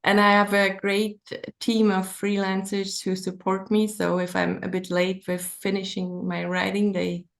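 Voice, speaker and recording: A woman's voice: on the low side, gravelly. A woman from Switzerland with a Swiss German accent, an author thinking aloud hesitantly in a conversational interview.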